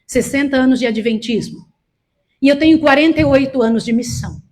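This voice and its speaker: The voice sits high, a little mellow, and moves fairly quickly as a sixty-year-old Brazilian woman delivers a sermon to her church. A preacher and missionary, she urges the congregation with direct commands, emphatic and repetitive.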